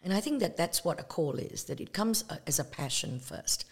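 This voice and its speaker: Speaking at a fairly low pitch with a breathy edge, a Malaysian evangelist guest expressively recounts her faith. The talk is a conversational testimony, earnest and reflective, with pauses and fillers throughout.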